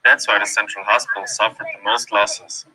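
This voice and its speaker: A man's voice: lowish voice, little pitch movement, moderate pace, noisy background. A man interviewed with his voice electronically distorted to hide his identity, speaking in short, firm, accusing statements. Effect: voice distorted to disguise identity.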